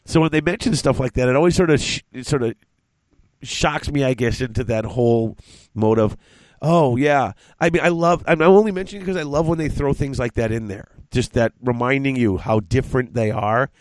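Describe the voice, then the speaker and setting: A man's voice: mid-range voice, darkish tone, no room sound. Congested man rambling on a podcast. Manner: rambling, halting, many restarts. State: congested from a cold. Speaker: podcast host. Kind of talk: casual podcast chat.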